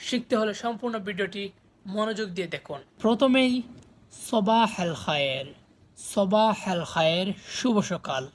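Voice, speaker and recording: A man teaching Arabic pronunciation in a slow, repetitive lesson, saying each word several times and spelling out its letters. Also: sits high.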